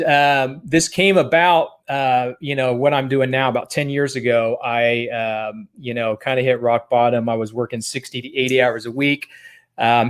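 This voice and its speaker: An upbeat man leads a live-streamed business training from his home office. He talks in a loose, rambling way, full of fillers, in a mid-pitched voice.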